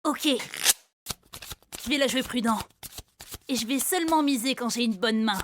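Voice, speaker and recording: A woman's voice: a little high, moderate pace, background noise, natural voice. A woman playing a timid, naive child in a cartoon, speaking in a hesitant, polite way. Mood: cautious. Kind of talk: animated cartoon dialogue.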